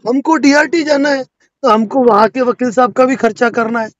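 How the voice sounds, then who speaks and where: Over a dull, lo-fi phone recording with a little hiss or hum, a lawyer explains a loan default case. The man's voice is very high-pitched at normal speed, and he is persuasive and insistent, repeatedly asking to be heard.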